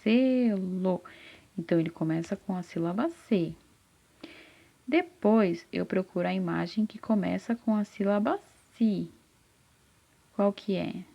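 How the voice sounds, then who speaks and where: Slow, patient teacher with a gravelly voice. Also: female voice, medium pitch, lively intonation, dark tone. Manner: slow, patient, repeats syllables, asks and answers her own questions. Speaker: literacy teacher. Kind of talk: slow, patient remedial lesson for first graders. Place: classroom with a whiteboard. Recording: slightly dull, lo-fi sound.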